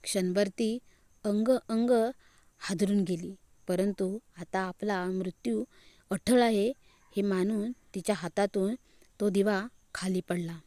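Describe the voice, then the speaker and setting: A woman narrating a dramatic audio story in a measured, deliberate reading. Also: medium pitch, steady tone, warm tone, no echo.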